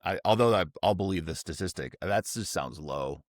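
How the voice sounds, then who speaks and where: A man co-hosting a casual business podcast, agreeing earnestly and trailing off quietly at the ends of sentences. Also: low voice, animated, moderate pace, no echo, studio quality. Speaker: podcast co-host.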